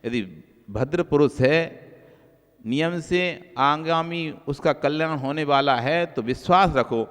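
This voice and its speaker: Male Jain monk, sermon delivery, slightly high pitch, sudden drops to soft asides then raised emphasis, long hall reverb. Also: takes it slowly, clear, resonant tone. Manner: repeats key phrases for emphasis; swings between soft low asides and raised emphatic lines.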